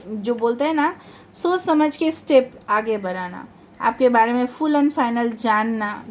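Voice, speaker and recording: A woman's voice: fairly high pitch, a little mellow, a little hiss or hum. A woman giving a tarot reading, chatty and reassuring, often mixing English into her talk. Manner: chatty, reassuring, mixes English into Hindi, repeats "theek hai". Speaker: tarot reader.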